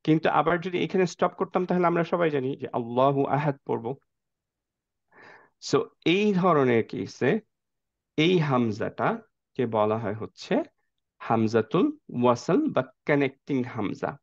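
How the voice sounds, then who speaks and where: A man's voice: medium pitch, lively intonation, unhurried, pauses often, no echo, dull audio. A man teaching a class on Quran reading, explaining patiently, putting questions to his students and mixing English words into his talk. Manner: mixes English words into speech. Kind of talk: classroom lecture.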